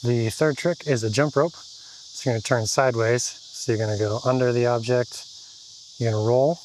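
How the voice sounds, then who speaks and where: A man's voice: mid-range voice, a little mellow, slight background noise, low-quality recording. A man who flies FPV drones, casually walking through trick instructions step by step. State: out of breath. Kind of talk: casual tutorial explanation.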